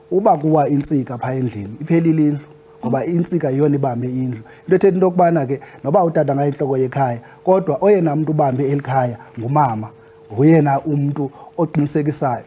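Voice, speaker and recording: A man with a Xhosa accent speaks as a guest explaining in a formal, respectful manner. His voice is quite fast, with a soft, dark tone and a husky edge. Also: a little high. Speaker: guest expert on Xhosa customs. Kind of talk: interview talk.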